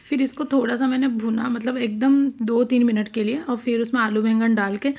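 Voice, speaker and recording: A woman's voice: fairly high pitch, fairly even intonation, normal speed, darkish tone. A woman in her thirties, a mother and homemaker, chatting casually through a home vlog voice-over, amused and full of fillers. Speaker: vlogger.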